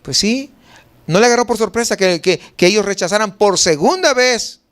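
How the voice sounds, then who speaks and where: A man's voice: sits high, expressive, normal speed, fairly bright tone. A male pastor with a Mexican Spanish accent preaching a sermon, asking rhetorical questions and answering them himself.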